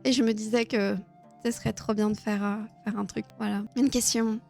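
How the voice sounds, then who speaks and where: A woman's voice: medium pitch, little pitch movement, normal speed, creaky, a little mellow, faint music behind. A woman hosting a casual live stream, chatting with her viewers, laughing often and filling her talk with hesitations. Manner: chatty, laughs often, many fillers and restarts.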